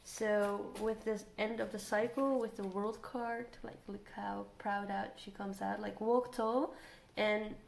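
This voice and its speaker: A woman's voice: medium pitch, little pitch movement, slow pace, hardly any pauses. Musing woman tarot reader in an echoey room. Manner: musing, thinking aloud, trailing off and repeating phrases. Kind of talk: casual spoken tarot energy reading. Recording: roomy echo, clear background noise.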